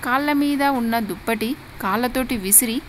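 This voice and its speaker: Woman storyteller reading a drama story, highish voice, steady and expressive. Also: moderate pace, slight background noise. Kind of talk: scripted story narration.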